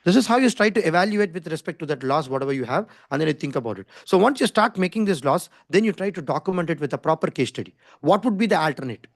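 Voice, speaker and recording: Fast-talking Indian man teaching an online class. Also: on the high side, expressive, no room sound, studio quality. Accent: Indian English. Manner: didactic, insistent, repeats himself, often checks with "okay?". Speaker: design skills instructor. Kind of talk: live online lesson, informal explaining. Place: online video call with screen share.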